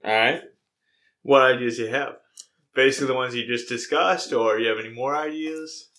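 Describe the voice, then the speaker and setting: A man's voice: medium pitch, normal speed, sharp tone. A man co-hosting a casual podcast, asking questions in a plain, easygoing way.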